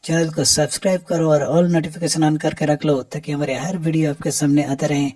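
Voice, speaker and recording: A man with a husky, slightly breathy voice sitting a little high for a man. He narrates a toy display with eager excitement and keeps urging the listener to look as he names each toy. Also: normal speed. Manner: eager, repeats "look, look" constantly.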